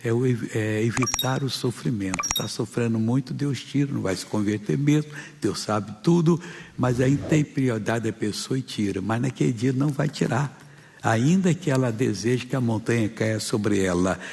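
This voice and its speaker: A Brazilian Portuguese-accented male pastor with a gravelly, fry-edged voice delivers an emphatic sermon. His voice sits in the middle range and pushes up for exhortations, and a long reverb trails his words through a church hall. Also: mid-range voice, moderate pace, a little mellow. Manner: emphatic preaching, rising for exhortations.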